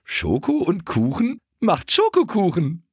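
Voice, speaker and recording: A man's voice: mid-range voice, wildly swooping pitch, normal speed, mellow, slightly rough, no echo, clean studio sound, pitched above the performer's own voice, exaggerated voice. A man voicing a cheeky, teasing male pony that giggles and cracks jokes in a storybook. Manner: cheeky, joking, scolding.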